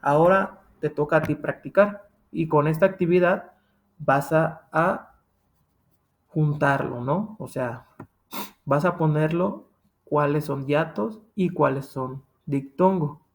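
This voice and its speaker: Man, Mexican accent, teacher, patient and repetitive, slightly high voice. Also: slow. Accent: Mexican Spanish. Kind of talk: explaining a grammar lesson.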